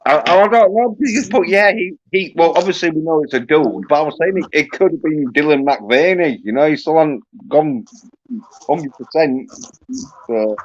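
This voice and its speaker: A man hosting a livestream in casual chat, talking haltingly with lots of fillers and restarts. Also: a little high. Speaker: livestream host. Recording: muffled lo-fi audio.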